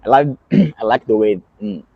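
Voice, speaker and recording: A man's voice: fairly low pitch, normal speed, darkish tone, no echo, dull audio. A man from Brazil with a Brazilian accent, a native Portuguese speaker learning English, chatting hesitantly in a casual lesson. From Salvador, Brazil.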